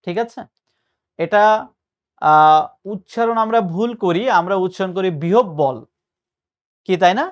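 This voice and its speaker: A man's voice: high voice, moderate pace, pauses often, smooth. A male tutor giving a patient spoken lesson, explaining and mixing in English words. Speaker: admission test tutor.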